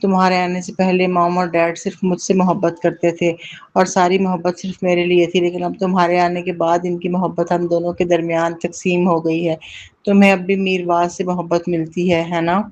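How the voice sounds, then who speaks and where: Reader doing a soft teasing young woman from a story, flat delivery, kinda dull lo-fi sound. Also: mid-range voice, lightly acted. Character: young woman, gentle and teasing older sister. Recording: dull lo-fi recording.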